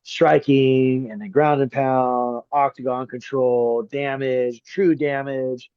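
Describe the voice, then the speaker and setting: A middle-aged man, a grappling referee and coach, chatting as a podcast guest; he tells stories with lively energy, swears freely, and acts out the people he quotes. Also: medium pitch, slow pace, clear, resonant tone, no echo. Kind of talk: casual chat. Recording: slightly muffled dry podcast audio.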